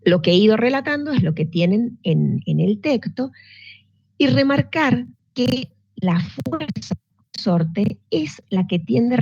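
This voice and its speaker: A woman's voice: medium pitch, gravelly, dark tone, husky, no echo. A woman teaching physics in an online class, explaining patiently and checking in with her students. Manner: patient, explanatory, with frequent restarts and check-ins. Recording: dull lo-fi sound.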